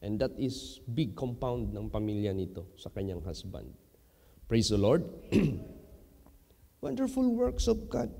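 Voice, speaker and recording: Gravelly Filipino pastor preaching slowly. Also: male voice, big-room sound. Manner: switches between English and Filipino, slow, emphatic, sudden loud high rises. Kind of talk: sermon.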